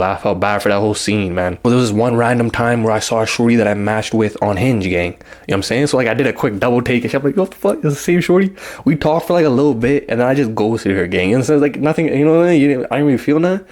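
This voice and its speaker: A man's voice: medium pitch, a little mellow. Slangy young man telling a story. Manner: slang-heavy, rambling, acts out quotes. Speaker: vlogger. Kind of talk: casual storytime.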